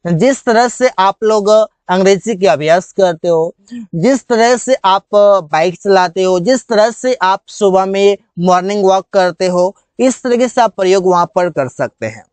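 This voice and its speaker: High-voiced man teaching slowly. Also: animated, a little mellow, clean tone, no room sound. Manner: explains in Hindi, says English example sentences slowly and deliberately. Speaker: English teacher. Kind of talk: bilingual vocabulary lesson.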